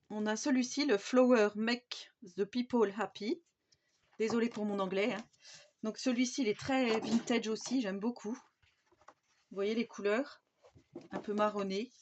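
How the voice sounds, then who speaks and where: A chatty woman, a scrapbooking YouTuber, shows off her craft papers in a casual haul show-and-tell full of fillers and restarts. Her voice is mid-range, and the home recording sounds slightly dull with faint background noise.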